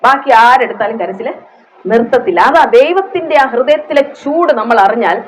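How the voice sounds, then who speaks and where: A woman's voice: a little high, expressive, a little fast, slight background noise, rough recording. A woman with a Malayali accent preaching a sermon, emotional and rising into fervent prayer, with frequent hallelujahs.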